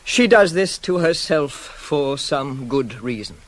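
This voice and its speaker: Solemn and pleading, an actor voices a proud young prince who keeps himself in check despite his father's wrongs. The delivery is formal, measured and declamatory in a classical-tragedy style for radio, with a medium-pitched, expressive voice.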